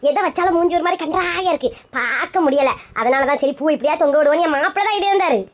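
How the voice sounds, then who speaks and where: A woman's voice: high voice, rapid-fire. A woman with a Kanyakumari Tamil accent, acting a bossy, scolding elder sister in a comedy sketch. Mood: chatty.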